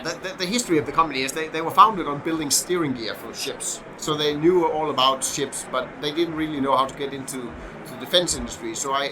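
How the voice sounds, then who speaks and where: A middle-aged Danish man with a mid-range voice and a Danish accent is a guest on a casual podcast interview. He speaks haltingly, with lots of fillers and restarts, over a noisy background hum.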